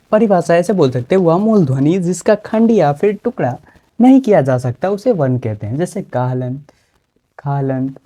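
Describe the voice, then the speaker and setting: A woman's voice: on the low side, warm tone. A woman teaching a grammar lesson, explaining step by step and asking questions she then answers herself.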